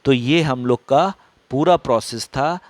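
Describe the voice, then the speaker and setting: A man with an Indian accent teaches biology, reading English slowly and deliberately before he explains in Hindi. His voice is recorded dry and close, with no room sound. His pitch sits in a middle range. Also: dry recording. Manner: dictates English sentences slowly, then explains faster in Hindi.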